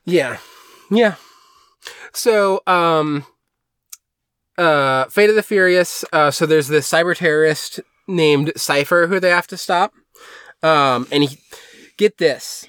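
A man's voice: on the high side, takes it slowly, pauses often, fairly bright tone, smooth, no echo, clean studio sound. A man co-hosting a podcast, recapping movies in a casual chat and rambling with lots of fillers and restarts. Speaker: podcast co-host.

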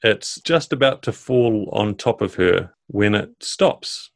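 Gravelly, low-voiced man as game master. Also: lively intonation, slow pace. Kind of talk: improvised tabletop game narration.

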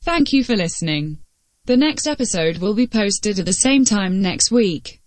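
A woman reading a scripted podcast outro in a plain, even delivery. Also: mid-range voice, moderate pace. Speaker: podcast announcer.

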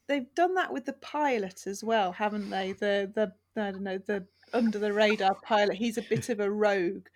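A woman's voice: medium pitch, moderate pace, few pauses, slight background noise. A woman co-hosting a casual chat, talking in a wry, chatty way with trailing asides. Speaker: podcast co-host.

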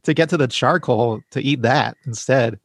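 A man's voice: medium pitch, moderate pace, no room sound, clean studio sound. A man hosting a casual podcast, keeping the segments moving. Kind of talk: casual chat.

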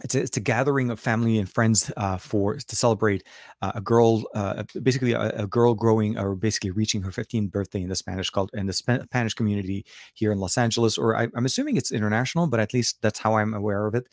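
A middle-aged man with a lowish voice, a little coarse and worn after a late night, hosts a casual tech livestream. He rambles and often rephrases himself as he talks to viewers. The sound is dry and close, with very little room. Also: quick pace, no echo. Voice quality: slightly coarse voice. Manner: rambling, repeats and rephrases words. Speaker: tech reviewer and livestream host.

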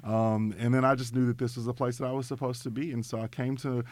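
A young man speaks in an informal, enthusiastic way with an Arkansas twang. His pitch is average for a man, and the sound is dry and close, as in a conversational interview. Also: level tone, quick pace, a little mellow, no room sound. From Arkansas, United States. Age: young adult. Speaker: interview guest, nonprofit program director.

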